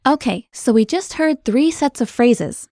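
A woman co-hosting a scripted language lesson podcast, explaining clearly and brightly. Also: high voice, expressive, a little slow, no echo, clean studio sound.

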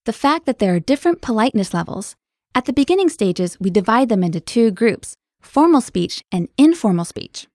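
A woman co-hosting a scripted language lesson podcast, explaining clearly and brightly. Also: a little high, sing-song, brisk, dry recording, studio quality.

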